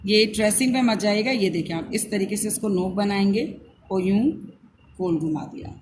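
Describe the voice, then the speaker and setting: A woman from Pakistan with a Pakistani Urdu accent, teaching young children to write and sound out letters in slow, repeated steps. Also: mid-range voice, background noise. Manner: slow, repetitive step-by-step instruction. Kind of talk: handwriting and phonics lesson for young children.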